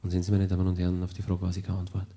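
A man with a Viennese Austrian German accent telling a dry, deadpan cabaret monologue. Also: sits low, very fast. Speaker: cabaret comedian.

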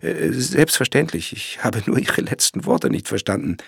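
A man's voice: mid-range voice, lively intonation, moderate pace, gravelly, fairly bright tone, slightly rough, no room sound, clean studio sound, pitched above the performer's own voice, exaggerated voice. A man voicing a nervous, evasive middle-aged lawyer who hesitates and stammers.

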